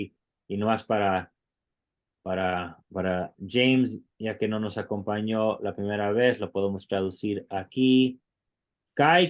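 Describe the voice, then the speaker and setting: A man who teaches Greek in an online class and explains things patiently, step by step, often restarting his words. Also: fairly low pitch.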